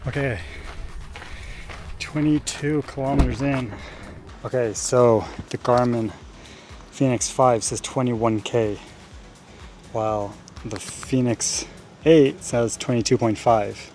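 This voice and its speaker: Music plays clearly under an outdoor vlog recording. A man speaks in a medium-pitched voice, informal and upbeat. He thinks aloud like a runner checking in with his viewers. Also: fairly even intonation, takes it slowly, darkish tone. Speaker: vlogger, trail ultra runner. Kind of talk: casual vlog chat. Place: mostly outdoors.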